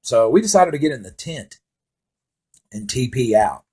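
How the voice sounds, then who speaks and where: A man's voice: medium pitch, sing-song, moderate pace, mellow, slightly rough. A middle-aged man telling a rambling, heavily profane story from his youth, laughing at himself as he goes. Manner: rambling, heavy swearing, laughs at own story.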